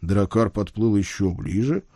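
Mellow, wry male audiobook narrator. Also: fairly low pitch, measured pace, gravelly, no room sound, studio quality. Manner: wry, lively storytelling. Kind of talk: first-person audiobook narration.

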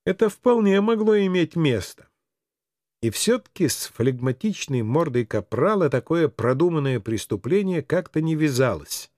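A man's voice: a little high, very animated, moderate pace, a little mellow, no echo, studio quality. A man narrating a first-person fiction audiobook in a wry, dryly ironic tone.

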